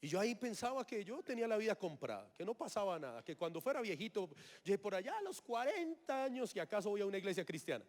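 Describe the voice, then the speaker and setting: High-voiced man telling his testimony. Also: expressive, fast, few pauses. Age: 30s. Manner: storytelling, acting out his own past reactions. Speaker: preacher. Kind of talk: testimony sermon.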